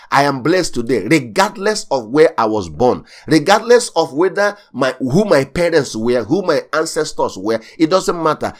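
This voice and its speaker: A male pastor delivering a sermon in an emphatic style. He drives his points home by repeating key phrases, and his voice swells in sudden surges of intensity. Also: medium pitch.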